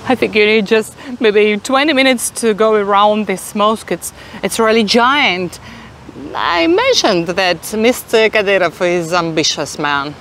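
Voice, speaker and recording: A woman in her forties with a Russian accent, a travel vlogger chatting enthusiastically, with many fillers and pauses, filming on a phone outdoors. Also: medium pitch, lively intonation, fairly bright tone, a little hiss or hum. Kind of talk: casual travel vlog narration. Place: outdoors in a city and inside a large mosque.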